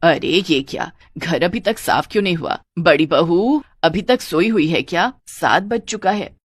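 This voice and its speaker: A woman's voice: on the low side, lively intonation, measured pace. A woman voicing a naive, fussy older mother-in-law in a cartoon story, fretting and exclaiming over the housework. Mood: fretful.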